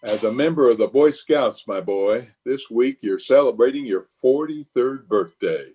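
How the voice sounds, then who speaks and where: In an old-time radio comedy, an actor hams it up as a blustery, pompous, scheming middle-aged water commissioner, full of exclamations. His male voice sits at medium pitch, expressive and mellow with a breathy edge, at a moderate pace, though the audio is poor. The mood comes across as rueful and avuncular.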